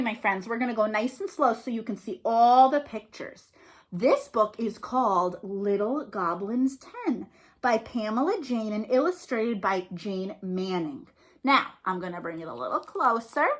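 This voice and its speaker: Reading aloud to young children, a storytime host and librarian chats in an encouraging sing-song, asking questions and offering praise. Her voice is a little high with a fairly bright tone.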